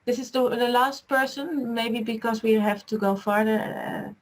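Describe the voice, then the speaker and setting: A woman moderating an online session over a video call, halting and searching for words as she calls on speakers. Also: fairly high pitch, steady tone.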